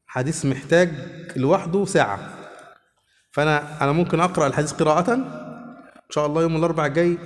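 A man with an Egyptian accent giving a hadith lesson, explaining patiently and often checking that his listeners follow. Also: fairly high pitch. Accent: Egyptian Arabic. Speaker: religious teacher. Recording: reverberant hall sound.

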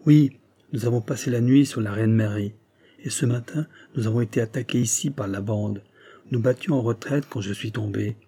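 A man reading a wounded, exhausted Englishman who speaks in short, halting phrases in an audiobook. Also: medium pitch, warm tone, breathy edge. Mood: urgent. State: weak and exhausted.

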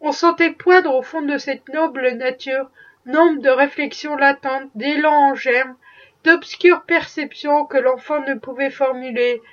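A woman reading a classic novel aloud in a measured, expressive way. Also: high voice. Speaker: audiobook reader. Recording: dull distant recording.

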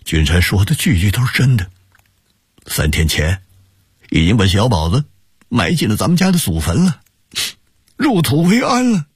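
A man's voice: sits low, huge pitch swings, vocal fry, slightly rough, dry recording, clean studio sound, full character voice. A man playing a choked, grieving brother. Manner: choked, halting pleading.

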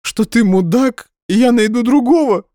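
A man voicing a hysterical young woman who shouts through tears in an audiobook. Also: huge pitch swings, brisk, breathy edge, no room sound, studio quality, heavily acted. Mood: furious, tearful. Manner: shrill, sobbing outbursts.

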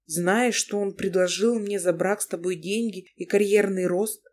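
A frightened, remorseful young husband who pleads and frets, read by a woman in an audiobook reading. The voice stays near the reader's own middle pitch, anxious and imploring. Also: steady tone, normal speed, darkish tone, natural voice. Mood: pleading.

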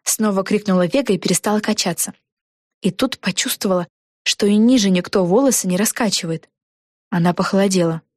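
A woman narrating a children's storybook in an even, clear manner. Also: medium pitch, fairly quick, dry recording, clean studio sound.

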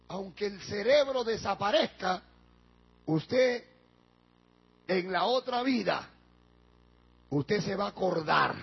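Preaching pastor, high raspy voice, slow deliberate delivery, dull lo-fi recording. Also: male voice. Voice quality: raspy, gravelly. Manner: emphatic preaching with rhetorical questions to the congregation. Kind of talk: sermon.

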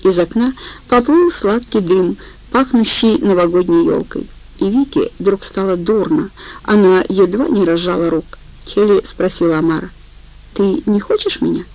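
A woman reading an audiobook in calm, even, unhurried narration. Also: mid-range voice, poor audio. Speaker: audiobook reader. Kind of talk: scripted narration.

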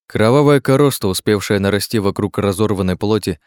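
A man narrating an audiobook in a steady reading voice, raising his pitch for the characters' lines. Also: brisk, smooth, no room sound, studio quality. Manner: reads steadily, shifts pitch for dialogue.

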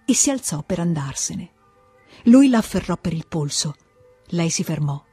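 Female audiobook reader: measured, husky, dry close sound. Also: on the low side, no echo, faint music behind. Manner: measured, calm reading. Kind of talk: literary audiobook narration.

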